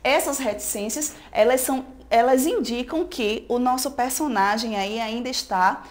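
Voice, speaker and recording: A woman's voice: fairly high pitch, normal speed. Brazilian woman teacher explaining a lesson. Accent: Brazilian Portuguese. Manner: explanatory, with frequent "né?" and "tá?" checks. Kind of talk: recorded school lesson.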